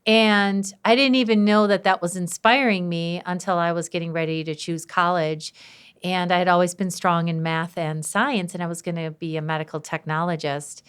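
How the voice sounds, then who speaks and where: A woman in her fifties from Wisconsin, a former police officer, chatting as a podcast guest in a loud, bubbly way and laughing often. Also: lowish voice, fairly even intonation, moderate pace, clear, resonant tone. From Wisconsin, USA. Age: 50s. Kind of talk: casual interview chat.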